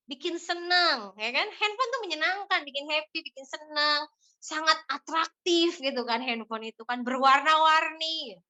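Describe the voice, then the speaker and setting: A woman, speaking to an audience of parents about raising children, animated and full of emphatic repetition. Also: sits high. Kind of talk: casual talk to an audience.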